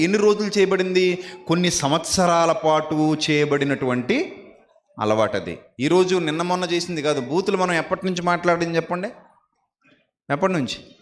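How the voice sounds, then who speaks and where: A male pastor from Andhra Pradesh's Godavari region preaches a sermon in a somewhat high voice, pressing the congregation with repeated rhetorical questions.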